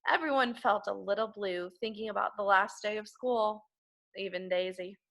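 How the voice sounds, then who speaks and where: Like a grade-school teacher, a woman with a gravelly, mid-range voice reads a picture book to young children at normal speed. Her narration is expressive and emphatic, an animated storybook read-aloud.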